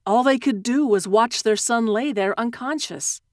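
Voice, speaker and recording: A woman narrating a story in a steady, expressive reading that slows at tense moments. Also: on the high side, no room sound, clean studio sound.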